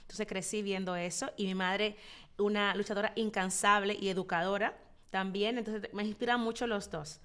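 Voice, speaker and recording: A Dominican woman in her thirties, a psychologist guest telling her life story in an interview, expressive and reflective, pausing often as she thinks. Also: mid-range voice. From Dominican Republic. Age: 30s. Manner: expressive, reflective, with frequent hesitations.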